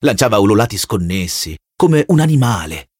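A man reading a novel aloud as an audiobook narrator, measured and expressive. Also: on the low side, slightly rough, no room sound, clean studio sound. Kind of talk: scripted narration.

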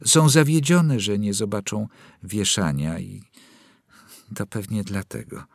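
A man's voice: fairly low pitch, big pitch swings, measured pace, creaky, no room sound, clean studio sound, exaggerated voice. A man voicing a nervous, worn-out mother who speaks apologetically about her children. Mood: anxious. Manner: anxious, apologetic.

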